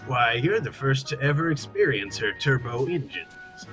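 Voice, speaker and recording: A man's voice: mid-range voice, lively intonation, moderate pace, over music, lightly acted. A man voicing an old airship engineer in a folksy old prospector manner, proud and boastful.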